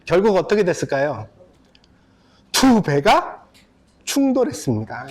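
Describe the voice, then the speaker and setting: A man's voice: high voice, a little slow. A male pastor in his fifties preaching a story-filled sermon, speaking straight to his congregation. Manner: animated, addresses the congregation directly, acts out characters. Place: church sanctuary.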